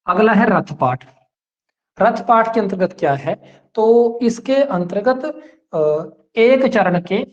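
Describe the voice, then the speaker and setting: Male teacher, high pitch, patient step-by-step exam-prep lecturing, muffled lo-fi recording. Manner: explains step by step and checks that students follow.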